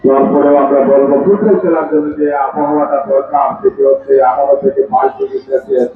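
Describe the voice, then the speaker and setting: A man's voice: fairly high pitch, fast talker, narrow, tinny audio, soft background music. Very echoey, distant Bangladeshi male football commentator. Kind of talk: live stadium match commentary. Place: outdoor football ground.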